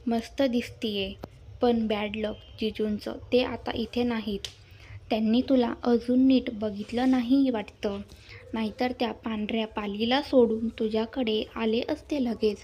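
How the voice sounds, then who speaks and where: A woman voicing a lively, teasing young woman who looks out for her friend in a read-aloud story. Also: on the high side, unhurried, slight background noise, natural voice. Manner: teasing and protective.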